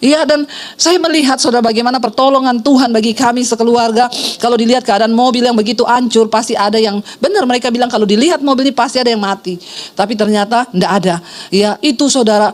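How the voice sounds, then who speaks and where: The speaker is a middle-aged woman pastor who talks fast in a fairly high pitch. Her sermon centers on a story, with lively shifts into the voices of the people in it.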